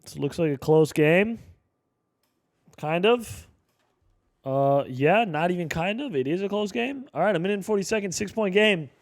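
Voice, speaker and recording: Excitable young man calling video game plays. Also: high voice, normal speed, no room sound, clean studio sound. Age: 20s. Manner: excitable, calls plays aloud with sudden shouts. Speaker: gaming YouTuber. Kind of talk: casual play-by-play game commentary.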